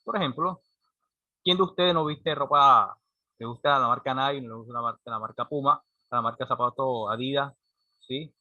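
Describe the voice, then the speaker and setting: A man's voice: mid-range voice, normal speed, no room sound, lo-fi sound. A man, giving a classroom lecture and often checking in with a rhetorical "right?". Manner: explanatory, frequent rhetorical "¿cierto?" checks. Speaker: teacher.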